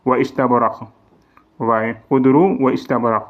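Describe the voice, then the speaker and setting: A man's voice: mid-range voice, fairly even intonation, normal speed. A man teaching a lesson on Quran recitation rules, patiently repeating examples and drawing out the Arabic words. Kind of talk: classroom-style lesson explaining tajwid rules. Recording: slightly dull, lo-fi sound.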